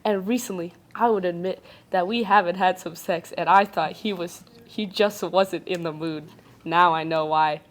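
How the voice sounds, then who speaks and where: Her voice is lowish with fairly even intonation as this young woman, a non-native English speaker, reads a ghost story on a casual podcast. She stumbles through the text and keeps stopping to joke and laugh.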